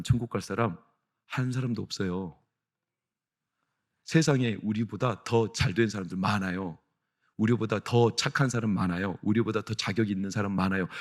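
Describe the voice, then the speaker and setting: A middle-aged man preaching a sermon as senior pastor in a church, asking the congregation questions and answering them himself, with loud, high peaks of emphasis. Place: church sanctuary.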